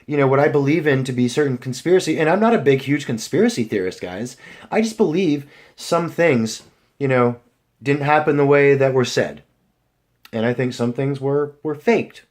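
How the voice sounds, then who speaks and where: A man's voice: mid-range voice, animated, normal speed, a little mellow. A young man rambling casually to his viewers, full of fillers and restarts. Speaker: vlogger. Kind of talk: rambling casual vlog chat.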